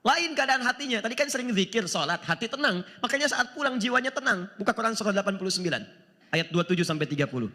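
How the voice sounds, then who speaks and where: Male preacher, high and very lively, bright voice, sermon in a reverberant large hall. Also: fast talker. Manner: animated, asks the audience rhetorical questions, chuckles; quotes scripture in Arabic. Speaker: Islamic preacher. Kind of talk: sermon to a live audience.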